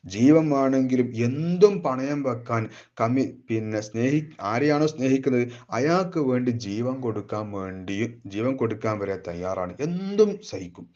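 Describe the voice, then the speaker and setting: A man teaching a classical devotional poem line by line, slowly chanting each verse and then explaining it briskly. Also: mid-range voice, darkish tone, muffled recording. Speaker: religious teacher.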